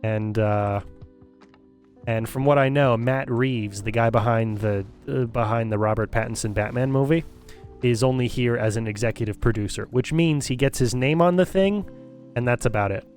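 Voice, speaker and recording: A man's voice: mid-range voice, normal speed, a little mellow, soft background music. A man streaming, giving an opinionated, critical rant in casual commentary, often repeating and restarting phrases as he thinks it through.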